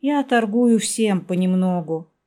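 A woman voicing a gaunt, hooded male shopkeeper who speaks in a quiet, breathy half-whisper with an aloof, formal manner. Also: medium pitch, animated, measured pace, natural voice.

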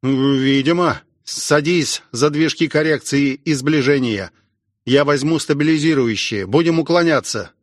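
A man voicing a gruff, wry veteran male station commander in an audiobook, talking in an unhurried way. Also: on the high side, dry recording, studio quality, natural voice. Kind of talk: audiobook character voice.

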